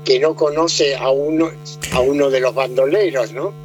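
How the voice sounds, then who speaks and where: A man's voice: medium pitch, fairly even intonation, moderate pace, faint music behind, poor audio. A man, explaining politics conversationally, with many hesitations and restarts. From Argentina. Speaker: political commentator.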